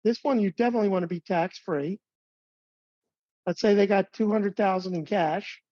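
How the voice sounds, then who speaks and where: A man training advisors on planning software in a relaxed, conversational webinar, with fillers and light jokes. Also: high-pitched, normal speed, no echo. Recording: dull, dry webinar audio.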